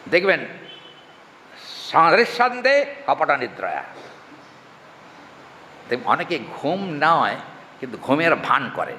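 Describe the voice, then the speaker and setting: A man giving a devotional scripture talk, chanting Sanskrit verses slowly and often asking his listeners questions. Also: fairly high pitch, pushed and bright. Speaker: religious reader and preacher. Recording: hall reverb, faint ambient noise.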